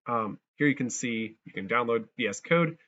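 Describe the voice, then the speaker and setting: A man talks through a software install in a loose, chatty way, narrating each click as he goes. His voice is bright and forceful, but it comes through crunchy and distorted, with a dull, lo-fi edge from a clipping mic. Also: mid-range voice, lively intonation, normal speed. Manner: chatty, thinks aloud while clicking through steps. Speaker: tutorial creator. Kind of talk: casual screen-recorded software tutorial. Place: abroad, working on a laptop.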